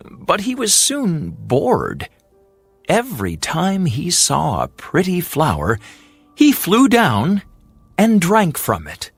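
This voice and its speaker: This fairy tale for English learners comes from a storyteller whose medium-pitched voice has a breathy edge, recorded with no echo. The delivery is slow and deliberate yet expressive, stretching out words that repeat.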